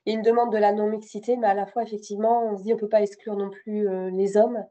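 A woman presenter answers questions during a webinar, agreeing easily and speaking casually. Her voice is mellow and relaxed. It comes over a somewhat muffled call. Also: medium pitch, fast. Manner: agreeable, many murmured assents. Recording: slightly dull video-call audio.

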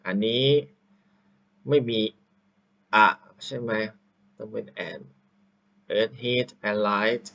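A man teacher walking through a screen-recorded software tutorial, unhurried and thinking aloud with drawn-out fillers, into a computer microphone. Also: lowish voice, gravelly, muffled recording.

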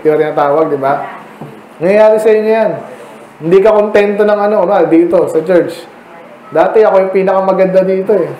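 A man's voice: high-pitched, a little mellow. A man with a Filipino accent preaching a midweek Bible study sermon, chatting with the congregation and often asking them questions. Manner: conversational, mixing English into Tagalog, asking the congregation questions. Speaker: pastor. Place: church hall. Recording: echoey room with faint ambient noise.

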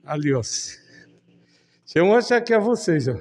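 Brief: male reporter, fairly high voice, chatty, speaking to camera, tunnel echo. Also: very animated, normal speed, darkish tone. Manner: chatty, addresses viewers directly. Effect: echo of a concrete tunnel. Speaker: reporter presenting an online channel. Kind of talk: on-location video report. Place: inside a concrete tunnel under a canal.

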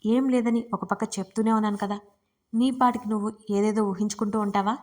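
A woman voicing a sharp-tongued young married woman who scolds her friend in an audiobook romance. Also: mid-range voice, steady tone, a little fast, natural voice. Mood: irritated. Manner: scolding, snappy, exasperated. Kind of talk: audiobook character reading.

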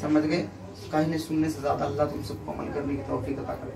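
A man's voice: fairly high pitch, little pitch movement, quick pace, gravelly, background noise. A man, a faith healer, preaching and admonishing a gathered crowd in a commanding, repetitive way. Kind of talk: exorcism session and sermon to a crowd. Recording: roomy, distant mic with crowd behind.

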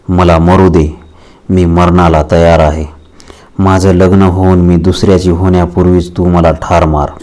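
A man's voice: low-pitched, darkish tone. A man voicing a distraught, tearful young village woman in a storybook reading, speaking in a pleading, anguished way.

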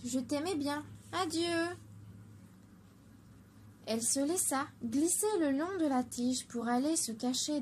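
High-voiced woman reading a children's story. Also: darkish tone, slight background noise.

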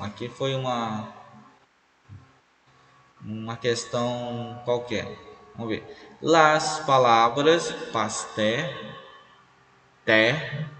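Guy teacher going thru quiz answers real slow, repeats every word, counts up points out loud. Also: medium pitch. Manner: explains step by step, repeats words, tallies points aloud. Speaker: Spanish teacher.

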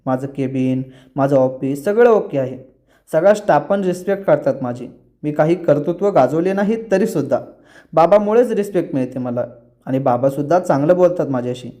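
A man voicing a young husband who talks in a falsely cheerful, rushed way, while retelling a TV serial scene. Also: a little high, expressive, mellow, natural voice. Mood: forced cheer. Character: young husband hiding his troubles.

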